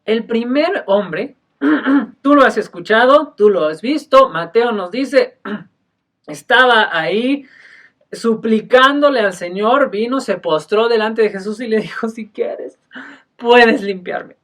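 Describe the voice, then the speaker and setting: A male pastor giving a sermon, emphatic, moving between loud and soft delivery and often clearing his throat. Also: extremely high pitch, lively intonation, slow, distant mic.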